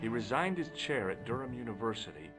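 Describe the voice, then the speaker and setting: A man's voice: medium pitch, very animated, a little fast, music in the background, lightly acted. A man voicing a curious young American investigator in a video game, wry and probing, with dry narrating asides.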